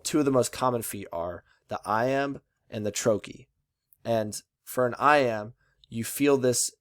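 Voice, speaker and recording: A man's voice: fairly low pitch, no echo, clean studio sound. A young man explaining a lesson in a chatty way, tapping out stressed syllables aloud to show rhythm. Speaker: student presenting a lesson.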